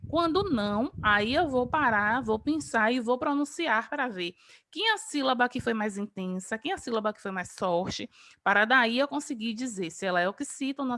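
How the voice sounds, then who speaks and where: A woman's voice: a little high, a bit bright, slight background noise. A woman from Brazil, teaching an online grammar review lesson, patiently explaining and drawing out example words. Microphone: video call.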